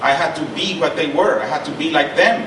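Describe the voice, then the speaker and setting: Steady noise and a low rumble fill an echoey lecture hall where a distant mic catches a middle-aged Honduran man on a panel, talking a little fast in a slightly higher voice. Earnest, he shares a personal story, repeats and restarts himself, and punctuates his points with "okay?" to make sure people follow.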